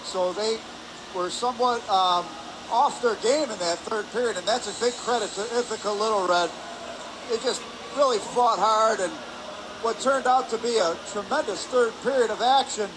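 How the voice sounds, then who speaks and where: This man is a color commentator offering live hockey analysis during a game broadcast from an indoor ice hockey arena. His voice is high and his speed normal. The noisy arena recording carries an ambient hum and clearly audible crowd and arena sound.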